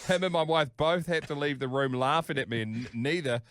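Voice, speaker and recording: A man hosting a radio show and reading listener stories out loud in a casual, laughing way. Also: fairly high pitch, brisk, dry recording, clean studio sound. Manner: lively, laughing storyteller. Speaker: radio host.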